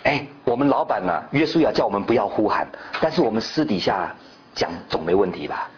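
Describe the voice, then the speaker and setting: A man voicing a gossipy male coworker who mutters complaints about the boss in a hushed, conspiratorial tone, on a dull lo-fi recording. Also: sits low, very fast, breathy edge, voice pushed down.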